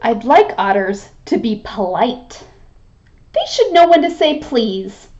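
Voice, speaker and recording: A woman's voice: fairly high pitch, very animated, slow, a little mellow, muffled recording. A woman voicing a worried, polite male rabbit in a picture book she reads aloud, with an earnest, mannerly delivery.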